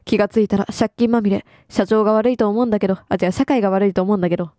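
A woman's voice: medium pitch, steady tone, rapid-fire, mellow, no room sound, studio quality, lightly acted. A woman reading the lines of a self-pitying, debt-ridden woman from a game, complaining in a whiny, dramatic way.

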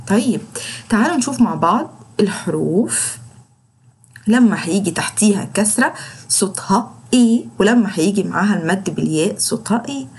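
A young woman teacher with an Egyptian Arabic accent, giving an online lesson to young children and slowly drawing out the sounds of letters and words. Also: mid-range voice, darkish tone, slightly rough. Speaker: kindergarten teacher.

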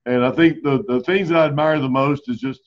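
A man hosting a talk show, speaking in a halting, appreciative way. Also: on the high side, fairly even intonation. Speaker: host. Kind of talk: casual interview talk. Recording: dull lo-fi sound.

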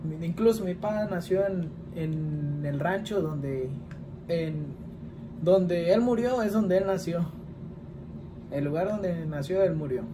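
Slow and on the high side, this man's voice comes through a noisy background. He's in his twenties with a Mexican Spanish accent, casually vlogging from a small indoor room with a plain wall, rambling as he answers questions and frequently saying "¿verdad?".

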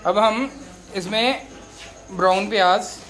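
A man hosting a cooking channel, calmly explaining each step of a big-pot recipe as he works in an outdoor courtyard. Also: high-pitched, takes it slowly. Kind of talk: cooking demonstration narration. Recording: noisy outdoor recording.

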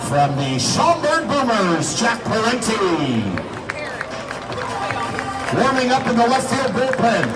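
A man announcing player introductions over a stadium public address system, projecting in a deliberate way and drawing out names. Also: very high voice, big pitch swings. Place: outdoor baseball stadium, heard over loudspeakers. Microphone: announcer's PA captured from the stands. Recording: distant echoey stadium PA, crowd, loud music. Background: crowd and loud music.

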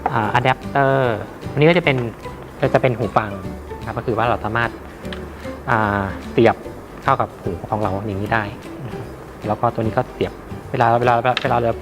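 A man giving an informal product demonstration as a seller, haltingly, with many repeats and hesitations. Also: medium pitch, steady tone, over music. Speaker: radio equipment seller.

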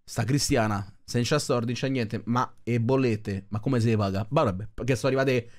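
Male reaction host, mid-pitched, rambling and doubtful. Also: brisk. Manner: skeptical, rambling with restarts. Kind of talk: casual commentary.

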